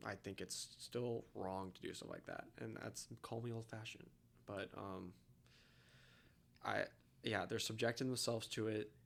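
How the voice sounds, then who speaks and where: A young man talking casually as a podcast guest, opinionated, often trailing off quietly at the end of a point. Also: fairly low pitch, fairly even intonation, measured pace, creaky, a little hiss or hum.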